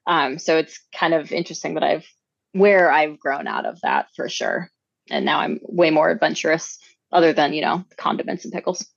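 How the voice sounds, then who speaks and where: A woman from Minnesota with a lowish voice, chatting as a podcast guest. She talks in a halting, chatty way and keeps restarting her sentences. The sound is dry and a little dull, with no room around it. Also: big pitch swings, creaky, breathy edge, dry recording. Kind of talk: casual chat.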